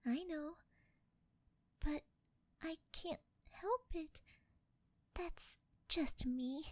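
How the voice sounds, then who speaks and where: In an ASMR roleplay, a young woman voices a sweet, shy, clingy angel who has become a succubus. Her high, soft, breathy, girlish voice is coy, halting and intimate, often slipping into whispers. A close ASMR mic captures it dry, with no echo.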